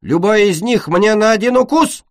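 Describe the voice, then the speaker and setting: A man's voice: high voice, animated, moderate pace, voice pushed up. A man voicing a small female dragon who plays a grandiose, boastful queen in a storybook reading. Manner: grandiose, theatrical.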